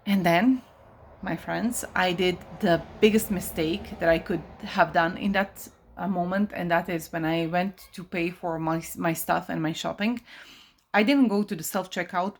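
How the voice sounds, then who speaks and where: A woman's voice: on the low side, steady tone, unhurried. A woman life coach telling a personal story to her viewers in a casual vlog. She talks directly to the audience, with frequent restarts and fillers. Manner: exasperated retelling of a shop dispute.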